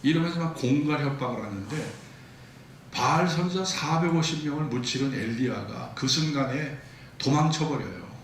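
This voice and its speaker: A man's voice: medium pitch, moderate pace, a little hiss or hum. A male pastor preaching a sermon, retelling stories vividly in a church sanctuary. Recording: echoey church hall, distant mic.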